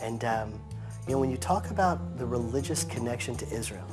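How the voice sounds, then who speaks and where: Seated on a couch in a living room, a man in his thirties who grew up in the United States answers interview questions earnestly in an animated, mid-range voice. He slows his delivery whenever he wants to stress a point, and music plays in the background.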